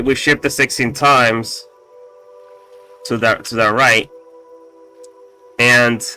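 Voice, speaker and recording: A man talks casually through his code in a screen-recorded coding tutorial, his mid-range voice slightly raspy but pushed and bright. He halts often, with fillers, restarts and the occasional swear.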